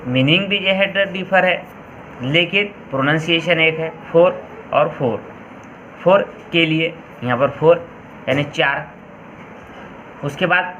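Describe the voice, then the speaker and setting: An Indian male school teacher talks through an English vocabulary lesson, repeating each point and spelling words out letter by letter. His voice sits a little high and sounds bright and forceful. A faint ambience hums behind him. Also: slight background noise, poor audio.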